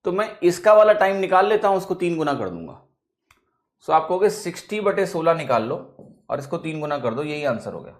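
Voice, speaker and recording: An Indian man with a slightly raised pitch, teaching math in a lecture. He walks through each step and keeps asking his students whether they follow. English phrases slip into his explanations. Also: sing-song, a little fast. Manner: explains step by step, asks students checking questions; mixes English phrases into Hindi. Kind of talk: classroom lecture.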